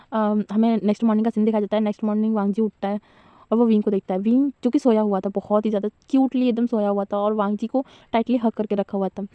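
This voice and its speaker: A woman's voice: medium pitch, dry recording. A woman casually retelling a fan fiction story in a chatty, giggly way with loose fillers. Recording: slightly dull lo-fi recording.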